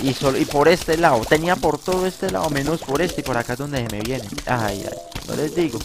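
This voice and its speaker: A man giving excitable let's play commentary, talking to his viewers and yelling at the enemies. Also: medium pitch, noisy background. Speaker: gaming commentator. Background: game music.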